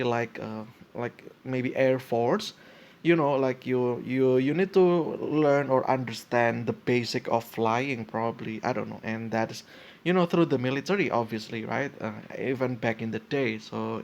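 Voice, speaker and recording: A man in his twenties hosting a casual solo podcast, reading from a page and reacting as he goes, with lots of fillers and restarts. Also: mid-range voice. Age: 20s. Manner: hesitant, full of fillers and restarts, thinking aloud. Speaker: podcast host.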